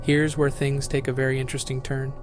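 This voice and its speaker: Man, horror story narration, very monotone, mid pitch, steady background noise. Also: brisk. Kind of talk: scripted narration of horror stories.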